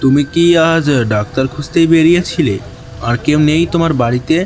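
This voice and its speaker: Slightly high and a little mellow, this natural male voice moves a little fast as he plays a kindly, newly qualified young doctor narrating his own story. The scripted first-person telling is reflective and literary, with dialogue and a clear music bed behind it.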